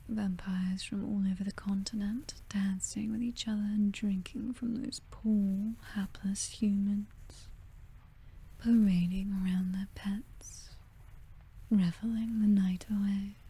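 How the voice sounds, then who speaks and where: In a whispered, breathy ASMR roleplay, a British woman plays a possessive, seductive vampire mistress who dotes on the listener yet stays condescending and coolly menacing. Her medium-pitched voice is warm, level and unhurried, with a silky, possessive mood.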